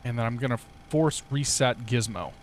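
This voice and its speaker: Relaxed and quick to laugh, this young man swears casually while chatting with viewers during his flight simulator livestream. He has a mid-range voice and a moderate pace, with a little hiss or hum in the background.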